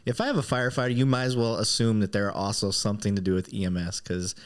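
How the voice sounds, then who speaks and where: Low-voiced man hosting a casual podcast. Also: quick pace. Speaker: podcast host. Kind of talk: casual chat, informal hosting.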